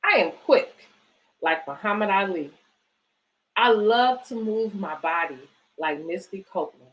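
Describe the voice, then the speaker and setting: She reads picture books aloud at a measured pace in an expressive, mid-range voice, cheering on the families listening. The host of this children's bedtime story series directs a book organisation, and the audio is poor.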